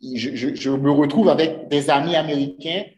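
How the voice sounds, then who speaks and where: Earnest preacher in an echoey church. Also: male voice, a little high, fairly even intonation, normal speed, darkish tone, dull audio. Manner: earnest, asks the congregation rhetorical questions. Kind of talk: sermon. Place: church sanctuary.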